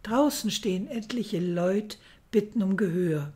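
A woman's voice: medium pitch, lively intonation, measured pace, mellow, close to an everyday voice. A woman reading the lines of a deferential male valet addressing his emperor formally. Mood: dutiful. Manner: formal and dutiful.

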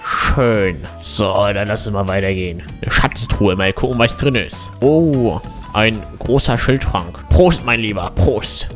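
Man putting on excitable old war veteran grandpa. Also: on the low side, unhurried, soft background music, close to an everyday voice. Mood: fond, chatty. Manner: old-fashioned, fatherly endearments, excitable battle calls. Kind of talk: in-character prank chat while gaming.

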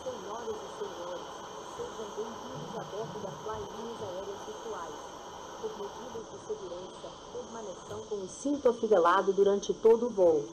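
A woman as cabin chief reading a formal, measured in-flight cabin announcement played inside a flight simulator. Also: medium pitch, darkish tone, a little hiss or hum, low-quality recording. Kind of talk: scripted airline cabin announcement.

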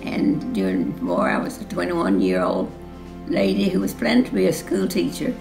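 A woman's voice: sits low, big pitch swings, moderate pace, gravelly, music in the background. An older woman earnestly recalling her wartime work. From Alabama, USA. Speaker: interviewee, former riveter. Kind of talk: personal testimony.

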